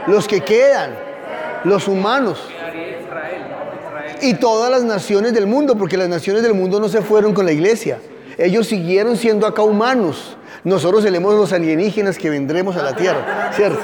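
A man's voice: high-pitched, moderate pace, in a large hall, crowd noise. A male pastor giving an interactive teaching sermon, sarcastic and playful, quizzing listeners by name with questions.

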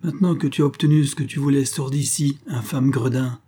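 A man's voice: mid-range voice, moderate pace, mellow, husky, natural voice. A man reading aloud and voicing a bitter, tormented male pastor with a strained manner. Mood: angry.

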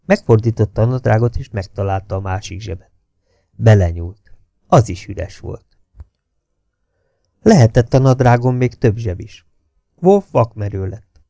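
A man reading a novel aloud as an audiobook, telling it in a measured, steady way that drops to hushed tones. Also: fairly low pitch, gravelly, dry recording. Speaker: audiobook reader. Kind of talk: scripted novel narration.

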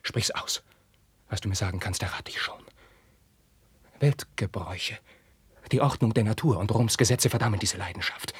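An actor playing an anguished young prince, declaiming verse in a 1950s radio drama and swinging from hushed whispers to outbursts. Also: male voice, on the low side, normal speed, husky, no echo. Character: young anguished prince, passionate, tormented by forbidden love.

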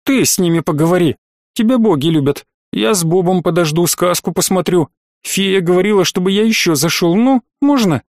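A man's voice: sits high, normal speed, a little mellow, no room sound, studio quality. A man doing a stubborn, whiny little boy. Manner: pleading, whiny, insistent. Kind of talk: audiobook reading.

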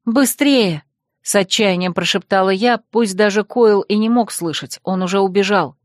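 Woman, audiobook narrator, first-person storytelling, expressive, mid pitch, dry close sound. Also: moderate pace, no echo.

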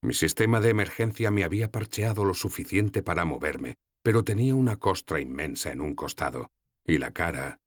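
Deep, husky male audiobook narrator; wry and measured, dry booth. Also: expressive, no room sound. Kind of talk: first-person audiobook narration.

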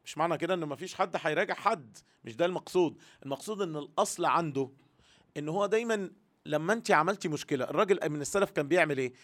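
A man's voice: fairly high pitch, very fast, a bit bright. A man with an Egyptian Arabic accent giving an earnest religious lesson to women, often speaking their thoughts in the first person. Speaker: religious teacher.

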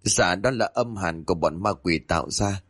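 A man voicing a calm, determined young male exorcist in a spoken ghost story, giving earnest instructions. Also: low-pitched, moderate pace, breathy edge, no room sound, studio quality.

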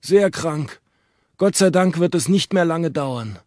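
A man's voice: a little high, animated, slow pace, dry recording, clean studio sound, pitched above the performer's own voice. A man voicing a sick, despairing middle-aged doctor who pleads in a raised, strained voice.

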